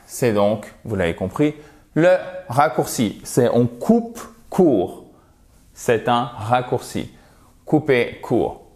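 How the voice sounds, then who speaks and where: A man teaching English vocabulary in a language lesson, patiently repeating words for pronunciation. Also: medium pitch.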